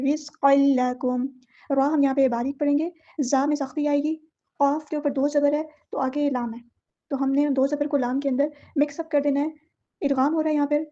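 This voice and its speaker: A woman teaching Quran recitation rules, explaining each word and then reciting it slowly and drawn out. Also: sits high, mellow, muffled recording. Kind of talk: tajweed lesson.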